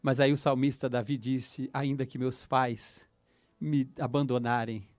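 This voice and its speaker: A man preaching a sermon with passion, swinging between loud appeals and hushed, slow scripture readings, speaking straight to the listener. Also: mid-range voice, little pitch movement, no room sound. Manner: addresses the listener directly.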